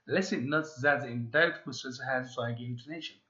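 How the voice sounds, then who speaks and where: Brief: male English teacher, brisk pace, roomy lo-fi classroom sound. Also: mid-range voice, sharp tone. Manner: switches between English and quick Arabic explanations, models intonation. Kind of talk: classroom lesson. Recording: roomy, dull lo-fi classroom audio.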